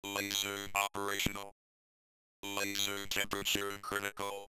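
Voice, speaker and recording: A low, synthesized robotic voice plays a spaceship computer, announcing alerts in clipped, evenly spaced words at normal speed. It sounds like a stiff, monotone speech chip, recorded as old arcade audio with a steady hum.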